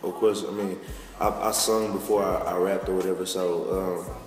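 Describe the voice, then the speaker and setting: A young man in his twenties from Texas, a musician answering interview questions in a halting, slangy way with many restarts. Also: low voice, little pitch movement. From Texas, USA. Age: 20s. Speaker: guest musician. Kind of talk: casual interview talk. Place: lounge with large windows, indoors. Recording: echoey room, far from the mic, music behind.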